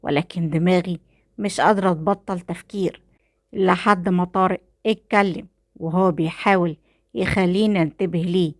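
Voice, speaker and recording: A woman with an Egyptian Arabic accent narrating a first-person drama in a calm, measured way. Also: lowish voice, no room sound, clean studio sound. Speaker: storyteller.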